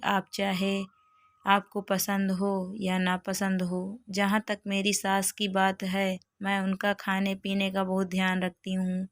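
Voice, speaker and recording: A woman voicing a caring grown daughter in a storybook reading, speaking gently but firmly. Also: mid-range voice, no room sound, clean studio sound, natural voice.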